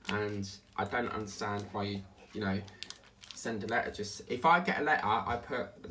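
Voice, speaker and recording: A creaky, rather low, slightly bright male voice rambles through casual talk about his day while crafting at his table, with slight background noise behind him. The crafting channel host has an Essex accent with a South African edge and tends to digress, hum and sing to himself.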